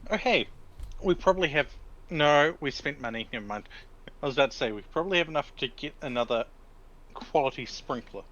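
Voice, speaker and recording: A man's voice: mid-range voice, expressive, brisk, a bit bright, lo-fi sound. A man streaming a video game with casual, conversational chat. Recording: clearly noisy background.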